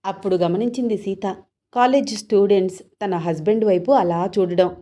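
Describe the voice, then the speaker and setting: A woman storyteller reads a romance aloud in a smooth, even manner. Her voice is mellow and soft-edged, at an ordinary pitch for a woman. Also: moderate pace, dull audio. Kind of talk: scripted story narration.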